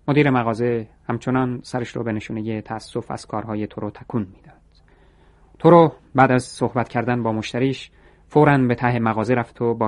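Measured male storyteller. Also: mid-range voice. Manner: steady, measured reading. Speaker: narrator. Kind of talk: storytelling narration.

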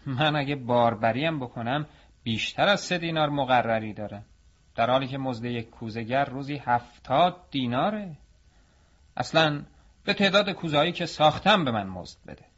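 A wronged young potter fights for his pay in this storybook tale, voiced by a male reader. His voice sits at a middling pitch with a defiant, protesting edge. The recording sounds dull and lo-fi. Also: animated, a bit bright.

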